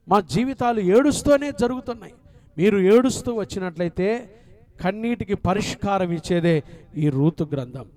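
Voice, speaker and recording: High-voiced pastor preaching in speech. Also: male voice, a little mellow. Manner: storytelling with acted dialogue and questions to the congregation. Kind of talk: sermon.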